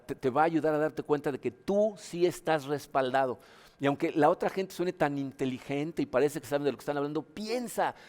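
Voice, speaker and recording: A man's voice: mid-range voice, a little mellow, long reverb tail. A male pastor, preaching in a conversational way with many rhetorical questions. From Mexico. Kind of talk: sermon. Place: church hall.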